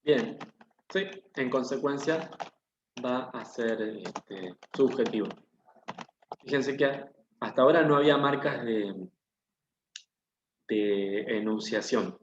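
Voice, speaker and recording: A man teaches a class at an even pitch, walking his students through each example with patient questions. His voice sounds muffled and carries a roomy echo, with faint typing behind it. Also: takes it slowly, long pauses, noisy background. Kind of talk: online class lesson. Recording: dull, echoey room audio.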